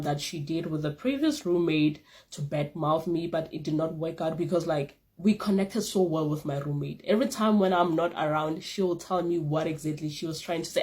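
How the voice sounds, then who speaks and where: A woman tells a personal story in a casual vlog, animated and laughing often. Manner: animated, laughing often, lively pitch jumps. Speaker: vlogger.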